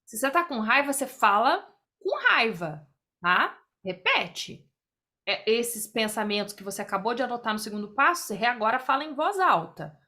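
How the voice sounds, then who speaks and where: A woman's voice: fairly high pitch, sing-song, normal speed, pushed and bright. A woman leads an online group exercise over a video call. She explains each step in turn and keeps checking that everyone follows. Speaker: workshop facilitator.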